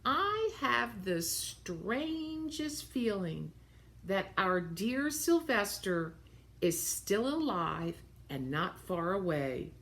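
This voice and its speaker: A woman voicing a grieving, wistful mother donkey in a storybook, with drawn-out, pleading phrasing. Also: mid-range voice, very animated, a bit bright, full character voice. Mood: wistful, hopeful.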